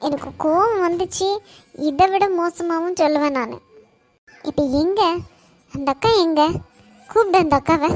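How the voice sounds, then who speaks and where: A woman voicing a hot-headed college girl in a cartoon, accusing and shouting. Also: very high-pitched, moderate pace, long pauses. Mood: angry. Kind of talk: Tamil cartoon voice acting.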